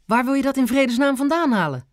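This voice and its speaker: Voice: mid-range voice, big pitch swings, no echo, studio quality, voice pushed up. A narrator voicing a feisty, fussy old grandmother in a hospital bed, in an audiobook reading. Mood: incredulous. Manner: quick, incredulous, fussy.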